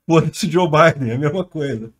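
A Brazilian man with a slightly raised voice hosts his own channel and runs through the news in loose, casual commentary. He talks in slang and keeps breaking into laughter between his points. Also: on the high side. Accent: Brazilian Portuguese. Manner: chatty, laughs often, slangy. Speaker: channel host.

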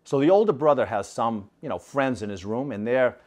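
Male speaker, storyteller, lively up-and-down delivery, chatty, mid pitch. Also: fairly quick. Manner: animated, conversational, asks listeners "right?". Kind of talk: storytelling talk.

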